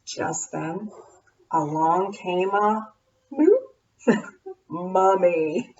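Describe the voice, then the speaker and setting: A woman reading a picture book aloud in an expressive storytelling voice. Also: medium pitch, slow. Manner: expressive read-aloud, leaning on repetition. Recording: roomy, distant, dull sound.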